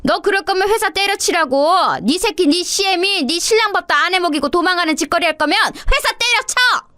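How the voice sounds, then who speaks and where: A woman voicing a bossy older mother-in-law who yells and scolds her daughter-in-law. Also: high voice, moderate pace, dry recording, studio quality, pitched above the performer's own voice. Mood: furious scolding. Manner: scolding, yelling insults.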